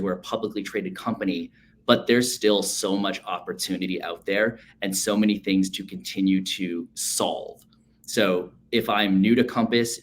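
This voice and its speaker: A man's voice: sits low, slight background noise. A man in his thirties, a guest speaking in a casual, upbeat way with frequent fillers over a video call. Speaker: associate sales manager, guest.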